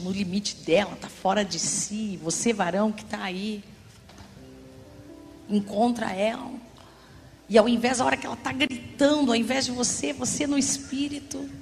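A woman pastor preaching a sermon in an animated, theatrical way, acting out everyday examples. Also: mid-range voice, creaky. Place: church service. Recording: long church reverb, music behind.

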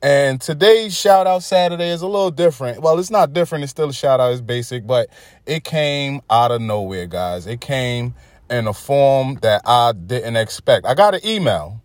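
Podcast host, male, Brooklyn New York accent, relaxed motivational talk, mid-pitched, dry close mic. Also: normal speed, no echo. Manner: laid-back, conversational, chuckling asides. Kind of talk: casual motivational monologue.

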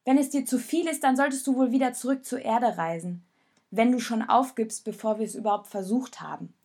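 A woman voicing a young boy, heated and scornful, in a storybook reading with a slightly breathy voice. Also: medium pitch, normal speed, lightly acted. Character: boy named Jonas, young, mocking and accusing.

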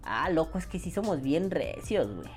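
Low-voiced, lively Mexican woman ranting. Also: normal speed, faint music behind. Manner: animated, swears freely, acts out quoted voices. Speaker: vaping vlogger. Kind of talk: casual profane rant.

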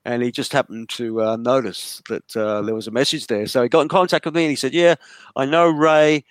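A man's voice: mid-range voice, quick pace, dry recording. Dry-sounding man telling a long story. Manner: rambling storytelling with frequent restarts. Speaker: interview guest, writer. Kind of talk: conversational interview. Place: lives in a large city.

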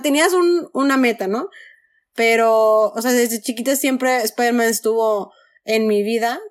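Chatty woman with a higher voice. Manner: chatty, laughs easily, hesitant restarts. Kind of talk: casual chat.

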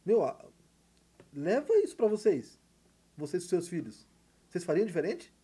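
A man's voice: high-pitched, very animated, moderate pace, dark tone, husky. A man with a Brazilian accent giving a casual, rambling opinion monologue, full of fillers and rhetorical questions. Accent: Brazilian Portuguese. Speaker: podcast host.

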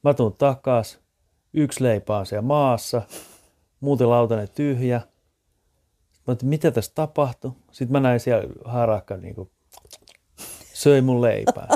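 A man's voice: mid-range voice, pauses often, warm tone. A man co-hosting a podcast, chatting on a porch in an easygoing, joking way. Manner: easygoing, joking, laughs often. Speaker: podcast co-host. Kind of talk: casual chat. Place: outdoor porch.

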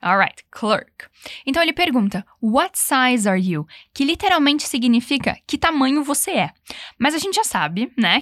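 A young Brazilian woman with a slightly high voice teaches an English lesson. She repeats each phrase slowly and patiently so the learner can follow. The sound is dry and close, with no room echo. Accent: Brazilian Portuguese. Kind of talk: language lesson.

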